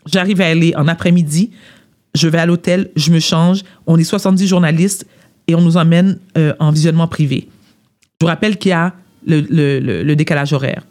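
A man with a Quebec French accent, a former entertainment journalist chatting as a podcast guest, telling animated stories and slipping English phrases into his French. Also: a little high, a little fast. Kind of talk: casual podcast chat.

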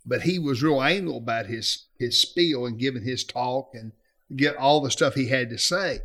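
A man's voice: medium pitch, moderate pace, fairly bright tone. A middle-aged man, a football coach, telling a recruiting story in a folksy, casual way with stumbling restarts.

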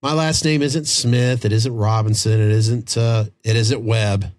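A man's voice: lowish voice, steady tone, a little slow, a little mellow, dry recording, studio quality. A man co-hosting a podcast in casual banter, joking and swearing as he rambles. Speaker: podcast co-host.

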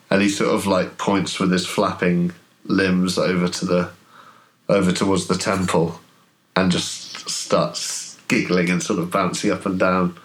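Casting: deep-voiced male game master, narrating a horror game, laughs often. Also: level tone, unhurried.

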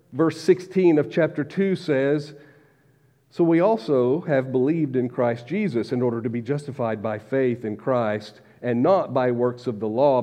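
A man preaching a sermon as pastor, measured, slowing down to stress key words. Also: mid-range voice, mellow. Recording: dull lo-fi recording with long hall reverb.

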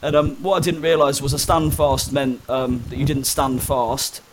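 A man's voice: medium pitch, flat delivery, normal speed, a little hiss or hum. A young man telling personal stories candidly in an interview, hesitant, with many ums and restarts. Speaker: guest. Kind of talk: conversational storytelling.

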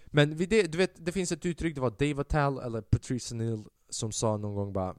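Profane, animated male podcast comedian. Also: medium pitch, no echo, clean studio sound. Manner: animated, profane, acts out quoted voices. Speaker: podcast host and stand-up comedian. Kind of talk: casual solo podcast storytelling.

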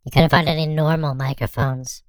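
A man's voice: steady tone, moderate pace, smooth, dry recording. A man hosting a comedic radio show, his voice sped up into a chipmunk voice, bossy and exasperated. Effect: sped-up chipmunk voice from a pitch-shifting mic.

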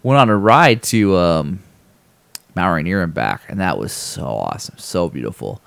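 A man in a casual podcast chat, telling a relaxed, rambling story with fillers and restarts and acting out other people's lines. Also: low voice, moderate pace, creaky, dry recording. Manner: acts out people's lines in a raised voice when telling stories. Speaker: podcast host.

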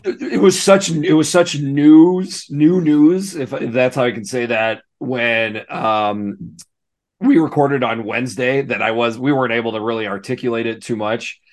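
A man with a hoarse, gravelly voice co-hosts a casual sports podcast. He talks in a relaxed, rambling way and often restarts his sentences mid-thought. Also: mid-range voice, normal speed. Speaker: co-host.

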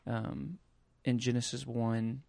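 A man co-hosting a podcast in casual chat, talking in a relaxed way with many fillers and pauses. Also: medium pitch, creaky, no echo. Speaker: podcast co-host.

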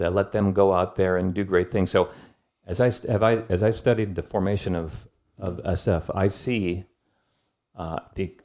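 A middle-aged man, a guest historian, telling history in a thoughtful, storytelling way with pauses and fillers. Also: sits low, dark tone. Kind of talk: conversational history lesson.

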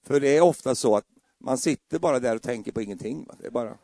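Gravelly preacher, dark voice. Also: male voice, medium pitch, no room sound, studio quality. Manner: humorous, acts out scenes with voices. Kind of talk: lively sermon.

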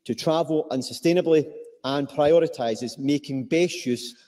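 A man's voice: on the high side, a little slow, mellow. A man with a broad Scottish accent giving a formal, scripted speech as a politician in a parliament chamber. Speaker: government politician. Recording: echoey parliament chamber, played from video.

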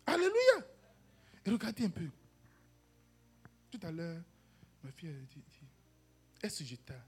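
A woman's voice: on the low side, measured pace, breathy edge, soft background music. A woman preaching a sermon, calling to the congregation and acting out the voices of people in her stories. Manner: animated, calls for "Amen" and "Alléluia", acts out quoted voices.

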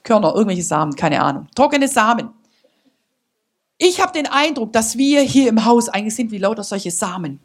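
A woman preaching a sermon to her church, passionate and building up to loud exhortation. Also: on the high side, very animated, moderate pace. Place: church service.

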